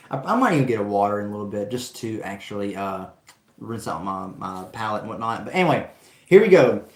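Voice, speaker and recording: On a casual live stream about fragrance, the host rambles eagerly through viewer comments. His medium-pitched voice is worn and going out from talking so long, and the audio is reverberant.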